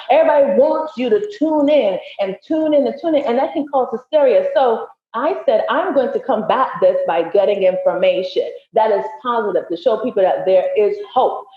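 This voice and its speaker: A woman, an entertainer, talking as a podcast guest in an articulate, emphatic way. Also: a little high. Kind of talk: casual interview chat. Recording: echoey, dull lo-fi sound.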